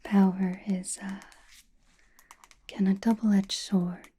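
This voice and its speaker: A woman acts out a mysterious, confident witch telling fortunes in an ASMR roleplay. The voice is a very breathy, airy whisper, slow and even. It lingers in thoughtful pauses and stays soothing throughout. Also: mid-range voice. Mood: calm, mysterious.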